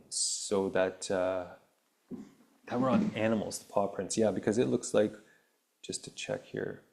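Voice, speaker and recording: On his spiritual healing podcast, a man with a low, darkish voice reads an article aloud. Afterward he rambles casually with lots of ums, and his voice grows raspy.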